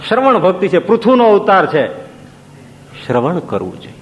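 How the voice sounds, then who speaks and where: A man's voice: high-pitched, big pitch swings, moderate pace, slight background noise. A man telling devotional stories in a sermon, often asking his listeners questions. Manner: storytelling with rhetorical questions. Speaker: preacher. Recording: long reverb, dull lo-fi sound, faint ambience.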